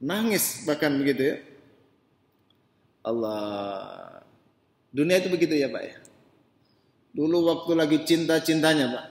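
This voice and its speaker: A man preaching a mosque sermon, chatting with the congregation and asking them questions, swinging from quiet asides to loud emphatic rises. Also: a little high, lively intonation, measured pace, long pauses. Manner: conversational, asks the men in the congregation questions directly. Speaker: ustadz preacher. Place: mosque hall. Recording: echoey mosque hall, voice distant.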